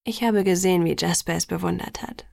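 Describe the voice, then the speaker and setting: Audiobook: woman voicing a soft-spoken, tender young man, half-whispered, slightly gravelly. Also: lowish voice, steady tone, fairly quick, dry recording, clean studio sound. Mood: reassuring. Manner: hushed and gentle, half-whispered. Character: calm, tender young man, softly reassuring. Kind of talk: audiobook character voice.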